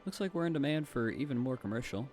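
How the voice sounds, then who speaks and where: A man's voice: medium pitch, animated, fast, a little mellow. A young man from the southeastern United States with a light Southern accent, chatting casually and rambling over his gameplay. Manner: rambling, chatty, with frequent fillers and asides. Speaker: gaming YouTuber. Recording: faint music in the background.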